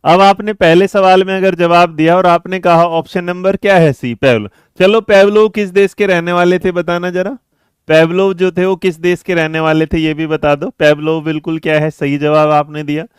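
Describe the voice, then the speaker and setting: A man with a high-sitting, steady, clear and resonant voice teaches a live online exam-prep class, quizzing and coaxing students and answering their chat messages. He is brisk and coaxing, calling students "beta" and "mere bachche" and reading chat messages mid-lesson. The sound is clean studio audio with no echo.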